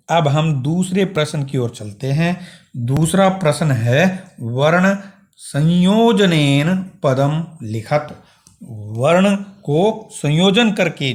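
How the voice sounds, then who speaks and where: A man's voice: a little high, a little mellow. A man teaching a language lesson, explaining words one by one and spelling them out syllable by syllable. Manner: slow and deliberate, spelling words out letter by letter.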